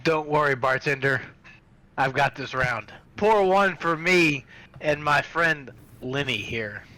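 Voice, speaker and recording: A man playing a hearty, bright-voiced adventurer. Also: a little high, animated, slow, exaggerated voice, poor audio.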